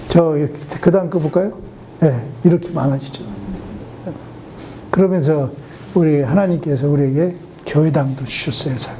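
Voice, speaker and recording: A missionary pastor preaching with a high, mellow voice, telling stories with lively energy and acting out the voices of the people in them. He keeps dropping short affirming fillers between phrases. A faint hum of room ambience sits behind him. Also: normal speed. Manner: lively storytelling, acts out quoted voices. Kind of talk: sermon.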